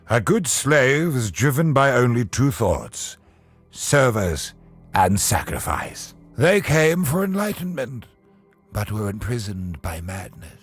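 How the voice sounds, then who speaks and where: An actor playing a solemn, godlike mastermind in a video game, delivering grave, theatrical monologue with dramatic pauses. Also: male voice, mid-range voice, breathy edge, exaggerated voice. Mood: solemn, foreboding. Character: the Shaper, brooding, solemn, godlike male mastermind. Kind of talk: scripted video game voice lines, portentous monologue.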